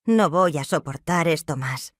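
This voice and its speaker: A man's voice: a little high, lively intonation, unhurried, a bit bright, no room sound, clean studio sound. A narrator putting on a cold, curt stepfather.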